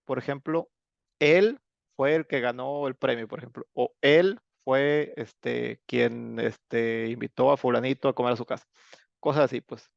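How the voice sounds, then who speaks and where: Mexican guy teaching english online, raspy fry in his voice, chatty, lots of fillers, dull muffled audio. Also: mid-range voice, steady tone, measured pace, no echo. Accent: Mexican Spanish. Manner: chatty, explanatory, many fillers. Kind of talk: online class lecture.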